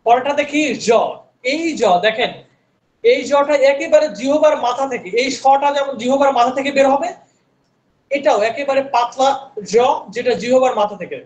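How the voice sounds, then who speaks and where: Young guy teaching english sounds online, says each one over and over, roomy echo. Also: very high-pitched. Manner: drills sounds slowly by repetition. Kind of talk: online pronunciation lesson.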